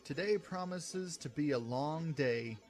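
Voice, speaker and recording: A man's voice: a little high, a little slow, darkish tone, soft background music, close to an everyday voice. A man voicing a nervous young ensign in a narrated sci-fi story. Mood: wry.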